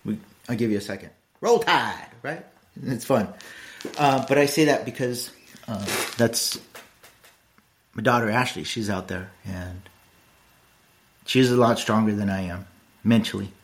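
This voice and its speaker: A man's voice: on the low side, measured pace, long pauses. A middle-aged man hosting a podcast, talking in a blunt, rambling and earnest casual monologue. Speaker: podcast host.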